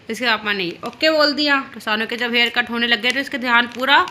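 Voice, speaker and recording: A woman's voice: a little high, bright, forceful tone, a little hiss or hum. A young woman at home, chatting casually as a vlogger and mother, telling stories with a teasing manner. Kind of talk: casual home vlog chat.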